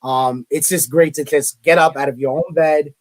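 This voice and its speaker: Speaking at a moderate pace with fairly even intonation and a voice on the high side, this middle-aged guest is a college media relations director from Brooklyn, New York, with the accent to match. He chats casually in the interview, often repeats his words, and drops self-deprecating asides.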